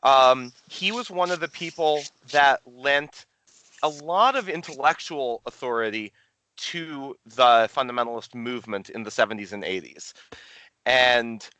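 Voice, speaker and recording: A man's voice: medium pitch, unhurried, bright, forceful tone, clear, resonant tone, no room sound. A man hosting a podcast, explaining background in a casual, lecturing way. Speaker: podcast host.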